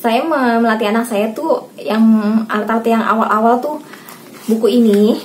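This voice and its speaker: A woman's voice: on the high side, moderate pace, slight background noise. A woman in her thirties, a parenting vlogger from Indonesia, chatting casually to camera, often addressing viewers as Mams and acting out how she talks to her child.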